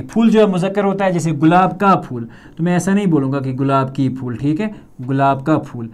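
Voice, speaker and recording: Man teaching, slow repeats, higher voice. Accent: Kashmiri. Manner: repeats words slowly, says "theek hai" often. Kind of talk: grammar lesson.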